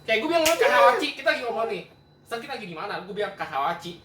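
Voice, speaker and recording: Fast-talking Jakarta man who says r like w. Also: high voice, animated, bright, forceful tone. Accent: Jakarta Indonesian. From Indonesia. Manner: mixes English words into speech. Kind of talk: casual group chat. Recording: roomy echo, distant mic, faint noise.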